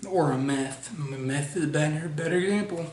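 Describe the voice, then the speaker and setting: A man's voice: fairly high pitch, moderate pace, darkish tone. A young man giving a casual movie review, blunt and profane, often restarting his sentences. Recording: roomy echo, voice far from mic, faint noise.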